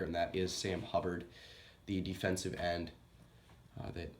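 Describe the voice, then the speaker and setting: A man's voice: sits low, darkish tone, slight background noise. A young man who is sick, giving a casual, rambling college football team preview on his channel and correcting himself as he goes. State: sick, coughing. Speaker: sports YouTuber.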